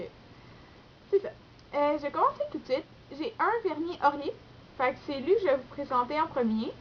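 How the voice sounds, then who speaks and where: A woman's voice: sits high, lo-fi sound, slight background noise. A young woman with a Québécois accent chatting through a nail polish haul, rambling with lots of fillers and self-corrections. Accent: Québécois French. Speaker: beauty vlogger.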